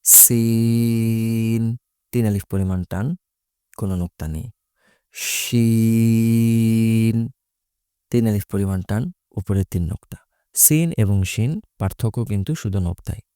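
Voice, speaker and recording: A man's voice: lowish voice, fairly even intonation, quick pace, warm tone, no echo, clean studio sound. A man teaching Quran recitation, explaining Arabic letters patiently and methodically, repeating each letter's sound.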